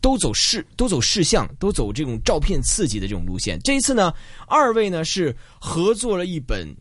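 Fast, animated male host with higher voice. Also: dry recording, studio quality. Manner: teasing, bantering. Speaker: radio talk show host. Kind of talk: casual interview hosting.

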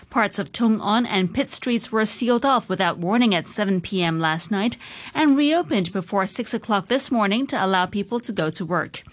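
This is scripted radio news read by a woman with a practiced anchor's ease. Her voice is middle-pitched for a woman, and she keeps the bulletin measured, steady and even.

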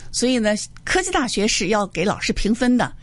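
A woman teaching Mandarin, a guest in an interview, telling stories in a cheerful, animated way and laughing often. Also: fairly high pitch, fairly quick, no room sound. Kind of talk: casual storytelling in an interview.

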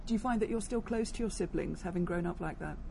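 A woman's voice: on the low side, quick pace, vocal fry, warm tone, a little hiss or hum. A woman interviewing a guest, asking curious, prompting questions about his upbringing. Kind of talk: radio interview.

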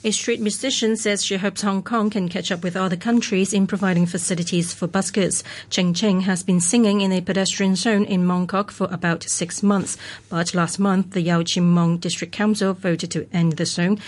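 A woman's voice: medium pitch, steady tone, moderate pace, a little mellow. A woman presenting the news on radio, reading from a script.

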